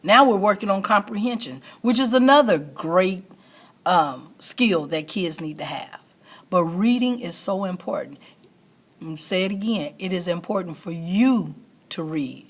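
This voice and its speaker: A middle-aged or older woman hosting an online motivational talk like a teacher, speaking emphatically and repeating key phrases for stress. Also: on the low side. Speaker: teacher and online show host.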